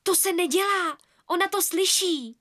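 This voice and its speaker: A woman's voice: pushed and bright, no room sound, clean studio sound. A woman reading an audiobook and voicing a little girl who firmly believes in miracles and speaks in a shocked, indignant way. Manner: shocked, indignant, high-pitched. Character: young girl Ela, earnest believer in miracles.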